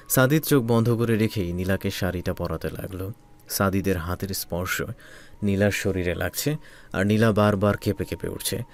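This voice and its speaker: A man narrating a romantic story in a calm, soft, measured way. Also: lowish voice.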